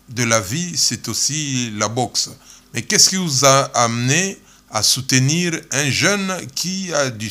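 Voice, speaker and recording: Journalist guy asking questions real slowly, bright voice, lots of ums. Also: mid-range voice. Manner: hesitant, many fillers between words. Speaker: journalist interviewer. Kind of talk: press interview questions.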